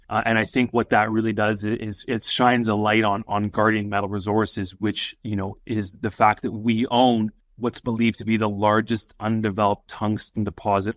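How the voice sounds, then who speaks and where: Canadian man with steady, flat delivery. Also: no echo, clean studio sound. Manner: steady pitch, many fillers and restarts. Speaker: mining company CEO guest. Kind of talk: podcast interview.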